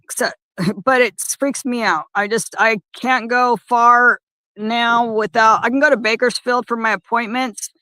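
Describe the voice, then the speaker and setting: A woman chatting casually on a phone livestream by a lake, talking in halting, rambling bursts with many restarts. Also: fairly high pitch, bright, forceful tone, dry recording. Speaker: van-life vlogger. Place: parked by a lake.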